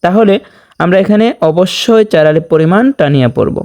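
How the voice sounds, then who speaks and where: A man teaching a tajweed lesson, explaining each rule step by step and chanting the verses very slowly. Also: high-pitched, a little mellow. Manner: checks in with "okay?". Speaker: Quran recitation teacher. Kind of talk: tajweed lesson with slow recitation.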